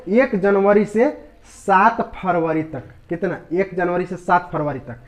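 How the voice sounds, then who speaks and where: A man with a high voice and a Bihari Hindi accent teaches a casual exam-prep lesson. He keeps quizzing his listeners, answers his own questions, and tosses in joking asides. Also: a little mellow.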